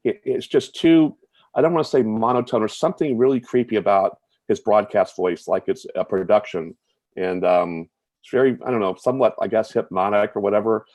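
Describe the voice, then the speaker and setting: A man's voice: lowish voice, brisk, a little mellow, dry recording. Blunt, dismissive man in casual chat. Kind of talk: casual conversation.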